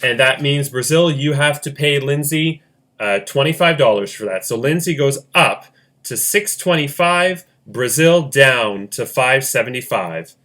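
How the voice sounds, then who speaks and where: A man's voice: mid-range voice, expressive, unhurried, a bit bright. A man hosting a fan-made game, calling rolls and moves in casual play-by-play narration with jokey asides. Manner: chatty, jokey asides, laughs often. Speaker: host running a fan game.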